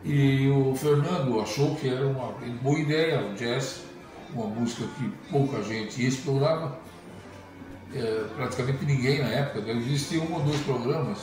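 A man's voice: mid-range voice, normal speed, heavy reverb, music in the background, rough recording. Older man reminiscing, hesitant. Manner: thoughtful, hesitant. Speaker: jazz radio host. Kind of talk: interview reminiscence.

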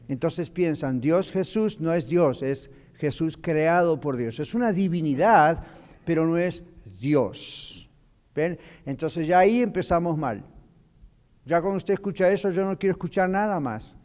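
A man's voice: fairly high pitch, a little mellow. A man teaching a Bible class as pastor, explaining patiently and slipping in English phrases. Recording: long church hall reverb.

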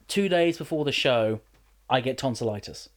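This is a male wrestler and general manager with a mid-range voice and a moderate pace. On a casual podcast he recounts stories with energy, frequently backing up to start over.

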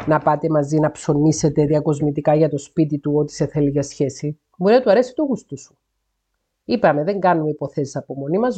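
A woman's voice: mid-range voice, a little mellow. A woman podcast host reading a listener's letter aloud, breaking in with sarcastic comments. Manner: sarcastic asides between read passages.

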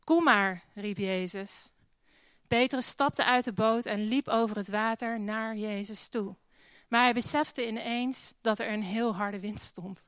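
A woman's voice: on the high side, steady tone, a little slow, few pauses, fairly bright tone, clean tone, clean studio sound. A woman preaching a sermon in a church hall, earnest, reading scripture aloud and leading a prayer, with an occasional English phrase.

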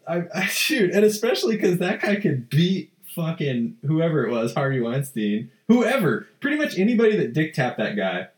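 Laid-back man with very lively pitch. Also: normal speed, few pauses, reverberant. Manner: laid-back, joking, says "man" a lot. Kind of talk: casual chat.

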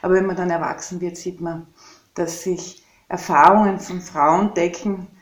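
A woman in her fifties with an Austrian German accent, speaking in a measured, reflective way as a guest in a podcast conversation. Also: fairly low pitch, fairly even intonation, reverberant. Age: 50s. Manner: reflective, measured, thinks aloud.

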